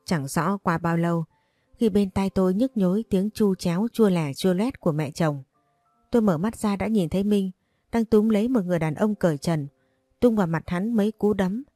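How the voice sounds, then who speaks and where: A woman narrating a first-person story with a steady, expressive reading. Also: medium pitch, normal speed, no room sound, faint music behind.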